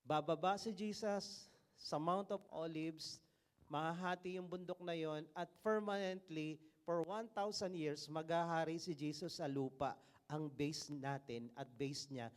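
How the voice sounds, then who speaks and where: A middle-aged man preaching a sermon as pastor, animated and joking as he reads scripture aloud. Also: fairly high pitch, unhurried, clean tone.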